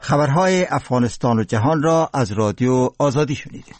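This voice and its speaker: A man with an Afghan accent reading scripted radio news in a solemn, formal, measured manner. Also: mid-range voice, animated, loud music behind the voice. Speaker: radio newsreader.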